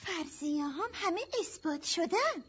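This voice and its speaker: A very high, trembling voice of a nervous amateur sleuth pleading with her sister. The dub track sounds dull and lo-fi. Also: expressive, a bit bright. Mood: earnest. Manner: pleading, tremulous. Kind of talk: dubbed film acting.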